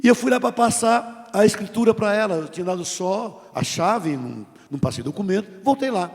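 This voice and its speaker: High-voiced Brazilian pastor preaching in reverb. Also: male voice, lively intonation, fairly quick, gravelly. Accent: Brazilian Portuguese. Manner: dramatic storytelling, swings from hushed to loud. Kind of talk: sermon with personal testimony. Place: church sanctuary. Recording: long church hall reverb.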